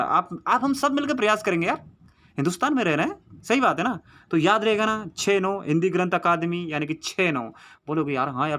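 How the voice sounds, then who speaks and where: In a casual Hindi lesson captured on a phone, a man with a fairly high pitch and sharp tone coaxes viewers through exam memory tricks. He repeats his mnemonics over and over and keeps calling his viewers friend.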